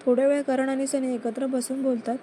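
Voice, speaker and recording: Woman narrating a story in a flat voice. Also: sits high, a little fast, a little hiss or hum.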